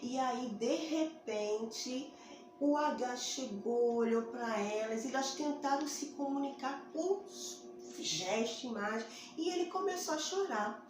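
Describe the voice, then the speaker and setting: A woman's voice: fairly high pitch, over music. A woman teacher with a Brazilian accent telling a phonics story to small children, drawing out her vowels in a sing-song way. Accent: Brazilian Portuguese. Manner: slow, sing-song, stretches vowels while pointing to letters. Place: classroom with a board. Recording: very echoey classroom, faint room noise.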